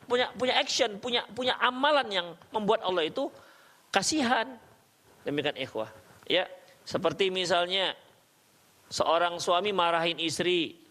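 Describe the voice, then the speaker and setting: This is a man's high-pitched voice, giving a religious lesson in a relaxed, talky way. He keeps checking in with the audience through questions. He weaves recited Arabic verses and sayings into everyday explanation. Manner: conversational, quizzes the audience with questions. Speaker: Islamic preacher teaching a study circle. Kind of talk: religious study lecture.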